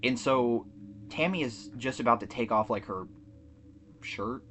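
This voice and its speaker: A man's voice: medium pitch, measured pace, fairly bright tone, slight background noise. A man co-hosting a podcast, casually recapping a movie plot with lots of fillers and restarts. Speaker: podcast co-host.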